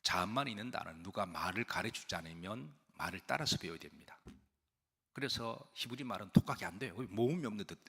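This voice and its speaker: A man preaching in a church in a low, husky voice. He talks to the congregation in a plain, questioning way, and his voice carries a long hall reverb. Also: animated, fast, bright, forceful tone. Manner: explains with questions to the congregation and acted quotes. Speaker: senior pastor. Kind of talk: conversational sermon. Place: church sanctuary.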